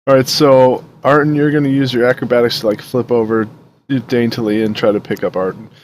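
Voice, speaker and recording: A man's voice: mid-range voice, fairly even intonation, brisk, a little mellow, a little hiss or hum. A man narrating a tabletop game as dungeon master in a casual, laughing way.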